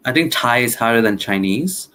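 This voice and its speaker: A man's voice: mid-range voice, lively intonation, normal speed, sharp tone. A man chatting casually as a guest, answering in a laid-back, brief way. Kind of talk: casual chat.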